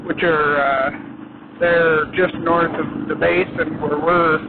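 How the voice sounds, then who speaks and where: A man with a fairly high, gravelly voice and flat delivery talks casually through a motovlog while riding on the highway, pausing often in a slow, halting way. The audio is muffled inside his helmet, and loud motorcycle engine and wind noise fill the background.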